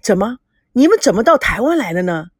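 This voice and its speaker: A woman's voice: mid-range voice, big pitch swings, brisk, slightly rough, dry recording. An earnest, sincere young man in an audiobook story, as a woman narrator reads him. His voice rises and falls a lot. The sound is close and dry. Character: earnest, honest young man, startled and warm.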